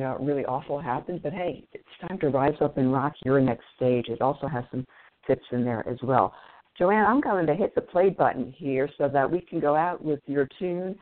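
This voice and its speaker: Upbeat woman host on a tinny line. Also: deep voice. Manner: upbeat, chatty, laughs easily. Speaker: podcast host. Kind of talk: casual interview wrap-up. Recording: tinny phone-like audio.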